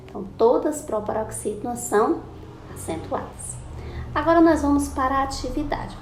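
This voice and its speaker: Woman teacher, higher voice, slow patient drilling, echoey room with light hiss. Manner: patient, drawn-out spelling of example words. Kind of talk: recorded school lesson. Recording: echoey room with faint background noise.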